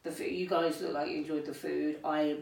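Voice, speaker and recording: A woman in an easygoing chat with friends, putting on other people's voices as she retells things. Her voice sits a little low and comes from some way off the mic in a roomy space. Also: fairly quick, creaky, distant mic. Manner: animated, acts out what others said. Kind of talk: casual chat among friends.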